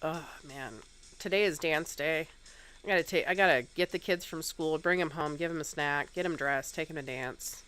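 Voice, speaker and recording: A woman's voice: sits low, normal speed, a bit bright, smooth, faint music behind. A woman livestreamer chatting candidly at home while getting ready, congested and swearing freely.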